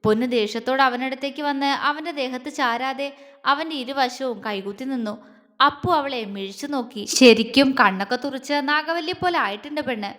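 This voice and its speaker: A woman storyteller giving an expressive, dramatic narration of a romantic audio story. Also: high voice, moderate pace. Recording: long reverb.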